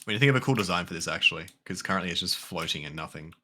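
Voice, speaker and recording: Aussie guy gaming chat, really low voice but sharp bright tone, rambles on. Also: lively intonation, very fast. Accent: Australian. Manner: eager, rambling, throws out ideas. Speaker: co-player in a building game.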